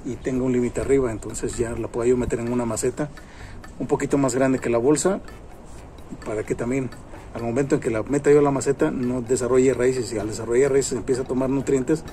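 A man's voice: mid-range voice, steady tone, brisk, mellow, a little hiss or hum. A man in his thirties hosting a casual gardening tutorial outdoors in a garden, chatty and repetitive, with many fillers as he talks to the camera. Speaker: gardening channel host. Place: outdoor garden among plants.

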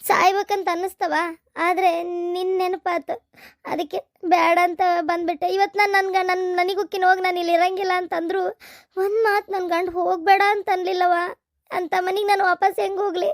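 This is a tearful, wronged young wife in a cartoon, as a woman voices her, pleading in a North Karnataka Kannada accent. Her voice sits very high. The sound is dry and close. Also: level tone, moderate pace, no echo. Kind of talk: cartoon voice acting.

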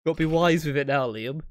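A man's voice: mid-range voice, no echo. A young man chats casually on a live stream. His manner is playful and full of banter, picked up by a close desk microphone. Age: young adult. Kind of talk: casual chat with stream viewers. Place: small home room.

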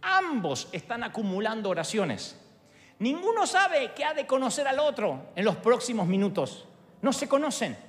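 A man with an Argentine accent preaching a sermon in a large church hall, animated and humorous. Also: very high-pitched, moderate pace. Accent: Argentine Spanish. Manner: animated, humorous storytelling with acted voices. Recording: echoey hall with long reverb.

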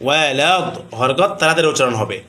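A man teaching Quran recitation rules, chanting drawn-out examples and then explaining quickly, asking questions and answering them himself. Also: mid-range voice, pushed and bright. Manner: slow sung recitation alternating with rapid rule explanations.

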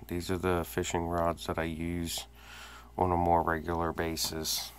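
Filming on a phone he holds himself, a man narrates a relaxed tour of his cluttered indoor fishing workshop at home. His low voice is monotone and a little slow, and there's slight background noise. He lists items in a plain, matter-of-fact way, with hesitant fillers.

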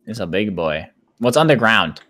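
A young man with a somewhat low voice plays a modded game and chats with his brother. He is excitable, laughs often and rattles off his thoughts in quick bursts, with keyboard clicking faintly behind him. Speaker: gaming channel host. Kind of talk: casual Minecraft let's play chat.

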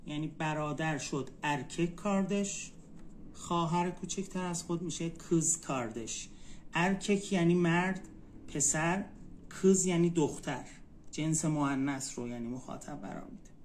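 Brief: male tutor, slightly high voice, drills vocabulary with slow repeats, patient one-on-one lesson. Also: slight background noise. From Iran. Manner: repeats words slowly, spells them out for a student. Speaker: Turkish language tutor.

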